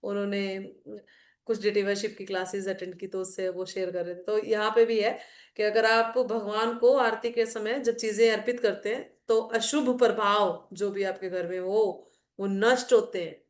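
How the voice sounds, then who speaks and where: A woman's voice: medium pitch, level tone, normal speed. Woman teaching in an echoey room. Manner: conversational, explaining with anecdotes and asides. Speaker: teacher of a devotional class. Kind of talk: casual Hindi class talk mixing English.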